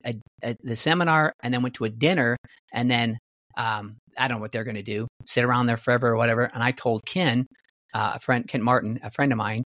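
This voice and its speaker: A man's voice: mid-range voice, fairly bright tone, dry recording, studio quality. Rambling middle-aged man telling stories. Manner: rambling, many restarts and fillers. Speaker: guest martial artist. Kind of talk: casual storytelling.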